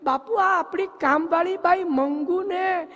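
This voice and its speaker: A man's voice: extremely high pitch, measured pace, fairly bright tone, in a large hall, voice pushed up. A man voicing a cheeky male house servant who gives sly answers to his master.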